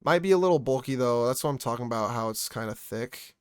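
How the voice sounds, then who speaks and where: A man's voice: mid-range voice, lively intonation, fast, smooth, no echo. A man chatting casually on his stream at home into a music microphone, rambling and trailing off mid-thought. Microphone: studio music microphone.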